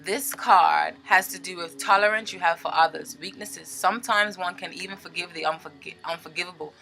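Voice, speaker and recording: A woman giving a casual tarot reading, chatty and animated, often checking in with her listeners. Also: lowish voice, brisk, creaky. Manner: chatty, animated, with filler words and frequent "okay?" check-ins. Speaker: tarot reader.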